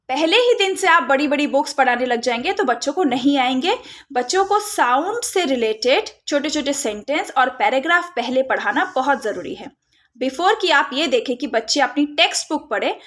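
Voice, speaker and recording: A woman giving a phonics lesson for parents, modelling letter sounds slowly and mixing in English terms. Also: high voice, fairly bright tone. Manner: mixes Hindi with English terms. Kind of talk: instructional tutorial.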